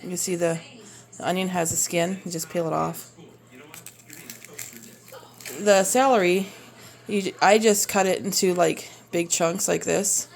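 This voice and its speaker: This casual cooking video shows a woman in her thirties with a Minnesota accent, a homeschooling mom and vlogger, chopping vegetables at home while chatting hesitantly, full of fillers and rambling. Her pitch is fairly low and steady, with vocal fry. She's filmed on a phone propped on the kitchen counter.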